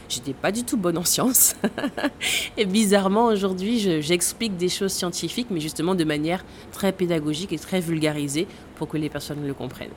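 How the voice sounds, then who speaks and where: A Caribbean woman in her thirties with a lowish voice explains things in an interview, with slight background noise. Born in Guadeloupe and raised in French Guiana, she works as a space center tour guide and speaks hesitantly with many fillers, laughing now and then.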